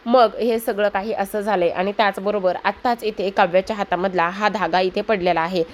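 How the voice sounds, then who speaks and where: A woman's voice: mid-range voice, fairly even intonation, brisk, natural voice. Fretful mother-in-law, read out by a woman, worried and pleading, plain everyday voice. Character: anxious middle-aged mother-in-law, fretful.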